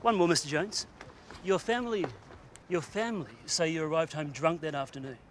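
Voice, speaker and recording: A man's voice: on the high side, a little fast, slight background noise. A male TV reporter persistently pressing a man with questions outdoors. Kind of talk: doorstep questioning and narration.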